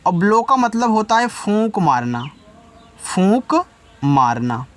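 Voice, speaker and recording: A man giving a slow reading lesson, spelling each word letter by letter and repeating its meaning. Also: high-pitched, very animated. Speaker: English tutor.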